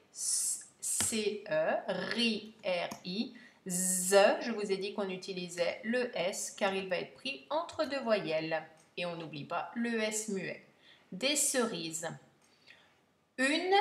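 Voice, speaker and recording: Slow, deliberate woman giving dictation. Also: medium pitch. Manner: spells letter by letter, repeats each word very slowly. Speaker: teacher giving a spelling dictation. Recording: echoey room.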